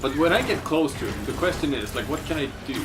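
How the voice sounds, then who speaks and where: A man's voice: fairly high pitch, sing-song, quick pace. A man giving casual gameplay commentary, thinking aloud hesitantly over game music. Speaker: gamer playing and commenting. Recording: loud game music behind. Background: loud game music and sounds.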